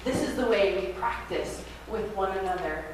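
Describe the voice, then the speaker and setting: A woman's voice: mid-range voice, normal speed. Woman pastor preaching at a pulpit microphone in a very echoey church. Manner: gentle, reflective, invites listeners to practice. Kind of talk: sermon. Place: church sanctuary. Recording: very echoey church hall, distant mic, faint hiss.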